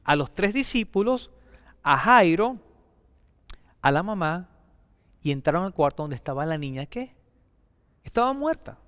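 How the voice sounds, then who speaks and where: Male preacher, high and smooth voice, emphatic sermon delivery, long reverberant hall. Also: big pitch swings, a little slow, long pauses, clean studio sound. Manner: emphatic, repeats key phrases with swings of pitch and loudness.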